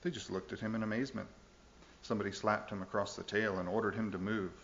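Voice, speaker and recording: A man's voice: fairly low pitch, level tone, fast, fairly bright tone, highs cut off, slight background noise. A man preaching a sermon in an earnest, emphatic way, pressing the listeners with questions. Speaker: pastor.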